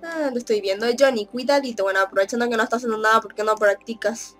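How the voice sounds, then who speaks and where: A young woman talks her way through a life-simulation game in a chatty, teasing tone, with lots of quick laughs. Her voice sits a little high. Faint game music plays under her. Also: a bit bright. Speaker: gaming YouTuber. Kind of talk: casual Let's Play commentary.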